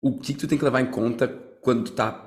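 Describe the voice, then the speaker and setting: A man hosting a casual podcast chat, relaxed, ending many phrases with a tag question. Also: mid-range voice, quick pace.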